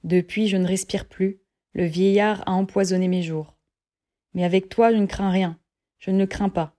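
A woman's voice: medium pitch, steady tone, moderate pace, warm tone, close to an everyday voice. A woman voicing a frightened, haunted tyrant king who speaks in an uneasy, pleading way.

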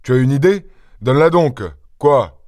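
A man voicing a brutish, angry peasant farmer in an audiobook, gruff and bullying. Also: mid-range voice, moderate pace, darkish tone, no echo, studio quality, close to an everyday voice. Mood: uneasy. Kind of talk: audiobook character voice.

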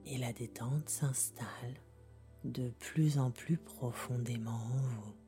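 Like a sleep story narrator, a woman softly guides a sleep meditation, half-whispering in a calm, gentle, unhurried way. Her voice is extremely low, soft, and breathy, with music behind her.

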